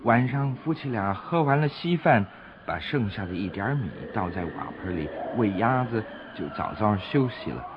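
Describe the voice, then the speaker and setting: A lowish, animated male voice at moderate speed narrates a scripted story aimed at children, explaining simply and expressively as if to little ones. Music and background noise accompany a dull lo-fi recording.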